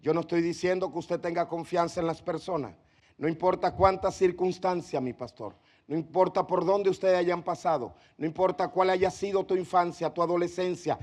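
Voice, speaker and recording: A male pastor preaching a sermon with passion, moving from hushed pleading to shouting. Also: high-pitched.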